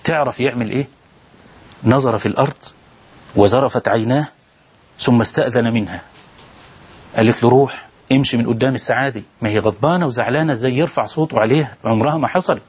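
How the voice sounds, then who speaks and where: Husky, fast-talking Egyptian preacher. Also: male voice, medium pitch, highs cut off. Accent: Egyptian Arabic. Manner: impassioned, rhetorical questions, pleading. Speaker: preacher hosting a call-in show. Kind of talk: televised sermon with callers.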